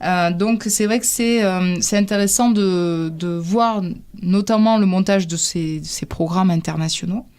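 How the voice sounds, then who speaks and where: A woman's voice: on the low side, unhurried, a little mellow, clear, resonant tone. A woman interviewing on radio as host, rephrasing as she goes in a hesitant manner. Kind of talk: semi-prepared radio interview.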